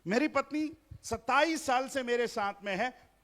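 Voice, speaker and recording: A man's voice: very high-pitched, a little slow, fairly bright tone. A middle-aged man preaching as a pastor at a family seminar, mixing in English phrases and joking with the congregation. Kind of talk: Hindi sermon at a family seminar. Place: church hall.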